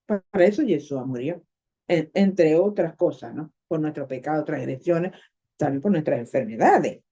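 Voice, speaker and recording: A woman's voice: sits low, expressive, moderate pace, dark tone, husky. A woman preaching a sermon with Bible reading, impassioned and repeating phrases to drive them home. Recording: dull lo-fi audio.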